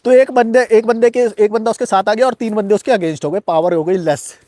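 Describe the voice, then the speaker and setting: Brief: male host, high voice, quick nonstop delivery of motivational points, dry close recording. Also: warm tone, no room sound. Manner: rapid, unbroken flow of points, addresses viewer directly. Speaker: self-help video host. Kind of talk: fast-paced motivational talk to camera. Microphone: recording to camera on a device.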